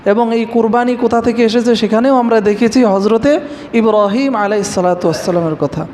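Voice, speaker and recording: High-voiced man giving a sermon. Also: fairly quick, a little mellow. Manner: quotes Arabic verses, then explains them. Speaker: Islamic preacher. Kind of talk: religious lecture. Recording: faint noise, long hall reverb.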